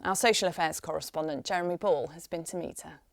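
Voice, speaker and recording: Gravelly-voiced female news presenter. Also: low voice, fast, dry recording, clean studio sound. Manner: crisp scripted news reading. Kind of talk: studio news introduction.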